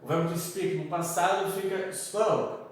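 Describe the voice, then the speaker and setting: Speaking at a measured pace with fairly even intonation, this English teacher has a voice that sits high. He works through slides chattily in a Brazilian Portuguese accent, frequently saying "galera" and "tá?" as he checks in with his class. The distant, off-mic recording is echoey with faint background noise.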